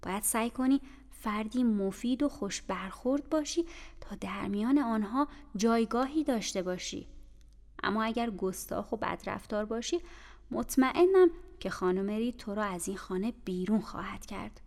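A woman's voice: mid-range voice, lively intonation, darkish tone, natural voice. A woman voicing a firm but kindly young nursemaid in an audiobook, lecturing in a stern, coaxing way. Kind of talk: audiobook character voice. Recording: reverberant room with faint music.

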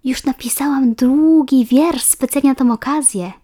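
A woman's voice: high-pitched, moderate pace, mellow, pitched above the performer's own voice. A woman voicing a shy, polite little schoolgirl. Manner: polite, timid.

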